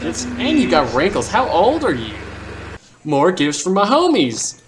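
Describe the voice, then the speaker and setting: A man's voice: high-pitched, huge pitch swings, a little slow, slight background noise. Trash-talking man commentating gameplay. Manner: trash-talking, boastful, profane. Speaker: let's play host.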